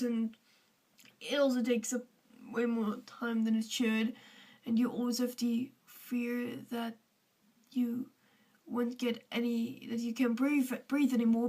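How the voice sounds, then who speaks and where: Teen girl vlogger, Austrian German accent, rambling casual talk, high voice, mic a bit distant. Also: fairly bright tone. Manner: chatty, rambling, with many fillers and restarts. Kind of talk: casual chat to camera.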